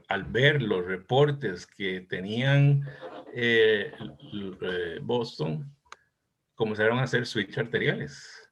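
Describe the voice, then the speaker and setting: Man, 60s, cardiologist in a seminar: slow, husky, lower voice, hesitant and reflective. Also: fairly bright tone. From Costa Rica. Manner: thoughtful, reminiscing, hesitant. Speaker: cardiologist discussing a case presentation. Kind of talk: academic case discussion.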